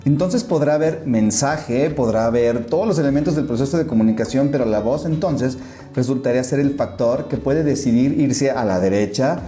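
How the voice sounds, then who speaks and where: A man hosting a casual podcast discussion, energetic and often restarting as he steers the talk. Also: mid-range voice, normal speed, roomy sound, faint music behind. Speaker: podcast host and moderator.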